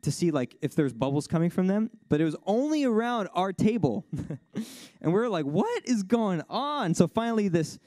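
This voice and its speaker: A man preaching in a casual storytelling way, with lots of "like" and "you know". His voice jumps up high when he gets excited, and he laughs often. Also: brisk, no room sound, studio quality. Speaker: worship speaker at a church service. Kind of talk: sermon testimony told as a story.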